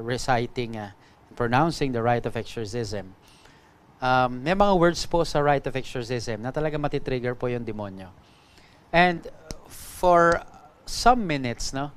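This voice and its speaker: Filipino priest man giving a talk, code-switching, smooth clear voice pitched a bit up, lots of "no?". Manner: switches between Tagalog and English, frequent "no?" and "okay?" tags; addresses the audience politely with "po". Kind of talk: teaching talk on spiritual warfare.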